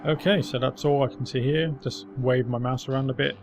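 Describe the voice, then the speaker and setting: A man's voice: mid-range voice, fairly even intonation, brisk, soft background music. A man hosting a let's play, commenting casually and reading the game's text aloud.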